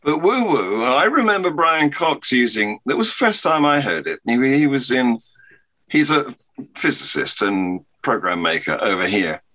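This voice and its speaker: A man chatting as a guest on a podcast, his voice bright and a little husky. His pitch moves a lot as he searches for words, stopping and restarting with thoughtful pauses. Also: very animated. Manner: halting, thoughtful, laughs often. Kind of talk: casual podcast chat.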